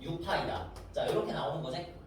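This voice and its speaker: A man's voice: on the high side, fairly quick. A man teaching a middle-school math class, talking the students through steps and checking they follow with short questions. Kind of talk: whiteboard math lesson. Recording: roomy, distant mic, faint noise.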